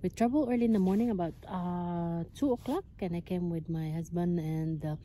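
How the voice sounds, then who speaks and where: A woman's voice: lowish voice, a little fast. A woman in her forties making a casual fishing vlog outdoors, talking in a chatty way with many fillers into a phone held at arm's length. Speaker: vlogger. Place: outdoors by a canal. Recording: loud outdoor noise.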